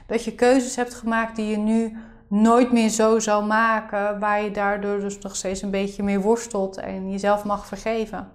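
Woman introducing a meditation, medium pitch. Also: level tone, unhurried. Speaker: guided meditation leader. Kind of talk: explaining a meditation exercise.

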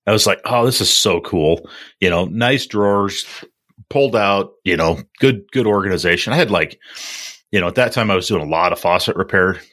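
A man with a low but bright, forceful voice talks casually like a tradesman on a podcast. He rambles through his stories haltingly, with plenty of filler words. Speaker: plumber and podcast host. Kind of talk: casual chat.

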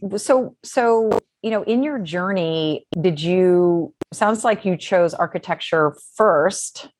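A woman hosting a podcast interview, chatty and friendly, with quick restarts as she frames her questions. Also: fairly low pitch, a little mellow, no echo. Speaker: podcast host. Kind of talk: casual interview.

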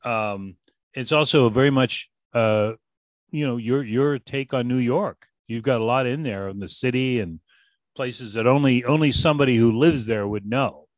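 A man from Boston hosting an interview, asking long, halting questions full of restarts. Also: medium pitch, no room sound. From Boston, USA. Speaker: radio host.

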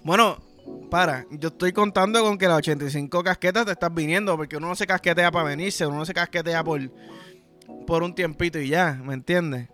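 A man's voice: on the high side, a little fast, a bit bright, soft background music. A young man with a Puerto Rican accent, hosting a podcast in a crude, rambling comedic monologue full of slang. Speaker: podcast host.

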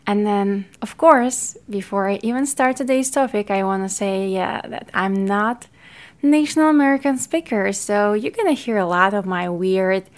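A woman's voice: mid-range voice, expressive, moderate pace. A woman from Ukraine with a Ukrainian accent, a non-native English speaker, hosting her own podcast in an earnest, chatty way with small grammar slips. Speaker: podcast host, fitness coach. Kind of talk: casual solo podcast talk.

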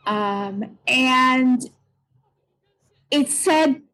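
A young woman from Pennsylvania, a voice and stage actor, speaks as an interview guest in a high, childlike, youthful voice. Her delivery is extremely slow, pushed and bright, casual and reflective, and she often hesitates.

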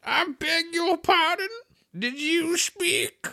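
A reader voicing a self-important mouse who lectures a crowd in a dry, pompous manner, clearing its throat before it speaks. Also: mid-range voice, wildly swooping pitch, measured pace, bright, forceful tone, no room sound, heavily acted. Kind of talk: storybook reading with voices.

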